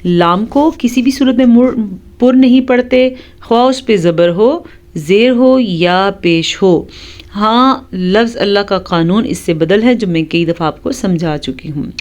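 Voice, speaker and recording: A woman teaching Quran recitation rules, explaining each one calmly and reciting words slowly and drawn out. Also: medium pitch, dull audio. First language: Urdu. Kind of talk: tajweed lesson with slow recitation.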